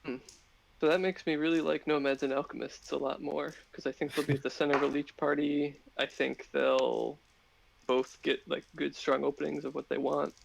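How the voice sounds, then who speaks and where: A man's voice: fairly high pitch, little pitch movement, normal speed, creaky, a little hiss or hum, low-quality recording. A man talking through board game strategy on a live stream, thinking aloud with many fillers and restarts.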